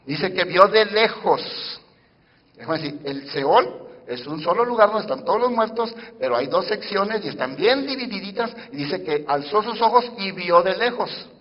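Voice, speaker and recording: Male pastor mid-sermon, higher-pitched, shifts between loud and hushed, quizzes the congregation, muffled recording in a reverberant church. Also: lively intonation, normal speed. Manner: preaching with sudden swings between loud emphasis and hushed asides; addresses the congregation directly with questions. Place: church sanctuary.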